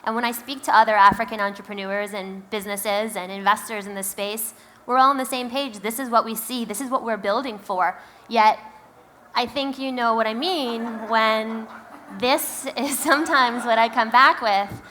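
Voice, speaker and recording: Queens ny accent lady doing a conference keynote, kinda high voice, punchy and wry but chatty. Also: steady tone, moderate pace, pushed and bright, a little hiss or hum. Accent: Queens, New York. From Queens, New York. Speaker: company founder, keynote speaker.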